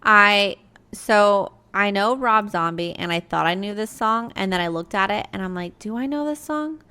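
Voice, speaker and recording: A woman's voice: mid-range voice, steady tone, normal speed, bright, forceful tone, smooth. A young adult woman co-hosting a podcast in casual chat, laughing often and filling with "like". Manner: laughs often, many "like" fillers. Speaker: podcast co-host.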